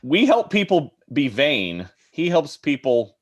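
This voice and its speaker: A man's voice: fairly high pitch, sing-song, slow pace, muffled recording. A man co-hosting a podcast, chatting casually and teasing his friends, often restarting and trailing off. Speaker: podcast co-host. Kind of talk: casual chat.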